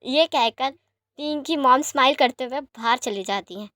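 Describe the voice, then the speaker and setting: A woman reading fan fiction aloud in plain, steady narration. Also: high voice, moderate pace, no room sound, studio quality. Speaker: storyteller.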